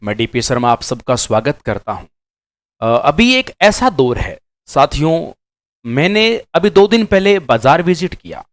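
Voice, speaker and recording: A man from Rajasthan lectures exam-prep students directly to camera in a fairly high, very animated voice at an unhurried pace. He speaks emphatically, repeating key words for stress.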